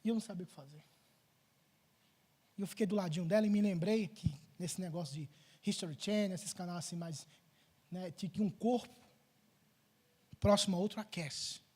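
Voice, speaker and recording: A middle-aged man, a pastor preaching a sermon in church, telling a personal story with animated swings between loud and hushed delivery. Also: sits high, normal speed, long pauses.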